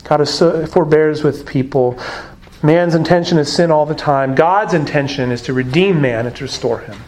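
A pastor with a high-pitched male voice delivers a sermon. He speaks earnestly, stresses key words, and poses rhetorical questions to his listeners. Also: normal speed, a little mellow, poor audio.

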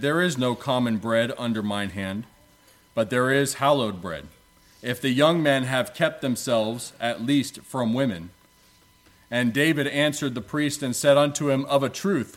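A man preaching at a pulpit microphone in a church sanctuary. He prays and reads scripture at a measured, solemn pace, using archaic biblical phrasing, with a voice of ordinary pitch. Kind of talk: prayer and scripture reading in church.

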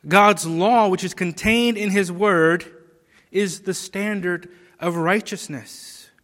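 A man delivers an expository sermon at an unhurried, measured pace, his voice sitting a little high. He stresses key phrases with rises and drops. The sound carries the long reverb of a large hall. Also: fairly bright tone. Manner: slow, deliberate preaching with emphatic rises and falls. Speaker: preacher.

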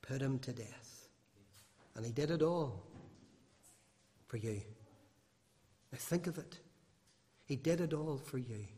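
A man preaching an impassioned sermon, his voice moving between loud and hushed, with long hall reverb. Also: on the high side, lively intonation, slow, pauses often.

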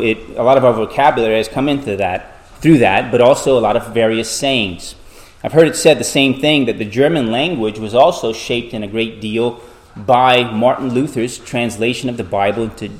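A male pastor at a pulpit microphone, reading scripture, praying and preaching in a measured, deliberate way, with restarts as he explains. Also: fairly low pitch. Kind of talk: sermon with scripture reading and prayer.

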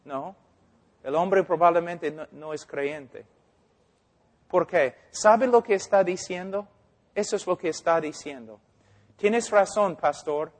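Male pastor preaching, slow emphatic delivery, reverberant church hall. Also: a little high. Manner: preaching with slow deliberate emphasis, acting out quotes. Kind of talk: sermon. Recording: long reverb of a large hall.

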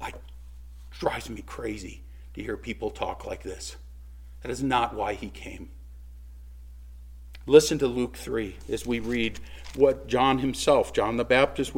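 A man's voice: medium pitch, steady tone, unhurried, husky. A man preaching a sermon as pastor, earnest and rising in force when he reads scripture aloud.

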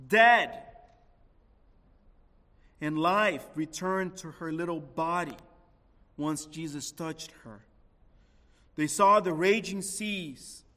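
Slow, high-voiced preacher in a reverberant hall. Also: male voice. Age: adult with a young son. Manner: slow, emphatic preaching with dramatic swells and hushed drops. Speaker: pastor. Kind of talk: sermon.

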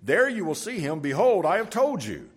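Husky-voiced man preaching a sermon. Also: sits high, wildly swooping pitch, normal speed. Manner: reads scripture aloud with emphatic rises. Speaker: pastor. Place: church sanctuary.

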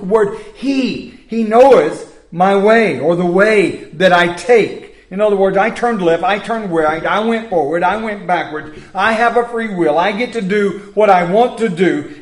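A man preaches with a fairly high voice, taking his time over every phrase. He leans on words and repeats them for emphasis, and the room around him rings with echo. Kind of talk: sermon.

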